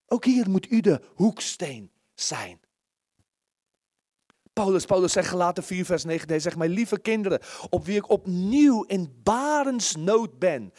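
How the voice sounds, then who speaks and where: A man preaching a sermon in an earnest, pleading way, often restarting his words and shifting between loud and soft. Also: sits high, no echo, studio quality. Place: church service, small room.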